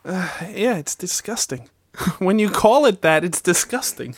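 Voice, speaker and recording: A man's voice: high voice, big pitch swings, a little slow, a little hiss or hum. A man hosting a podcast, bantering casually with a joking, teasing manner. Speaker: podcast host.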